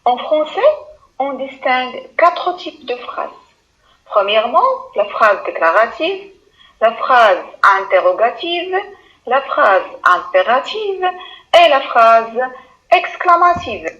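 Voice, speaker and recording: A woman's voice: on the high side, sing-song, slow pace, pushed and bright, muffled recording. A woman teaching a lesson to primary school pupils, speaking patiently, repeating words and addressing the class directly.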